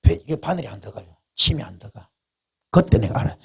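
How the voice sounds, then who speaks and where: A man preaching a revival sermon with a gravelly, husky voice that rises and falls sharply. He talks in a plain, everyday way and tells stories, repeating his phrases for emphasis. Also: on the low side, fast. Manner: colloquial, animated storytelling with repetition. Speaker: pastor.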